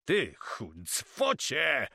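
Guy putting on a loud swearing pirate, higher and bright, drawn out shouts. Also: sing-song, takes it slowly, no room sound, studio quality, heavily acted. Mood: furious. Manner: blustering, shouts sea-themed curses. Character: loud swearing male pirate, hot-tempered adult. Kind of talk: audiobook character voice.

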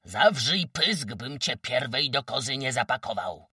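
A stern village headman pulling rank, as an audiobook reader puts him on, slow and threatening, only a little above the reader's own voice. Dry sound from slightly off the mic. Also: medium pitch, sing-song, pushed and bright, husky, no echo, far from the mic, pitched above the performer's own voice, exaggerated voice. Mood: menacing. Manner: threatening, official tone.

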